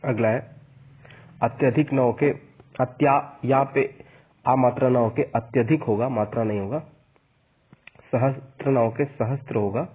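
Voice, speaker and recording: A man teaching a spelling lesson for an exam, slowly spelling out each vowel sign and repeating the corrections. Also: medium pitch, steady tone, breathy edge. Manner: slow and repetitive, spelling out vowel signs. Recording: tinny phone-like sound.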